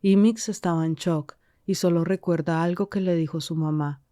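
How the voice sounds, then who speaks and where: A woman reading scripted podcast narration in a measured, calm way. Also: fairly low pitch, no room sound, studio quality.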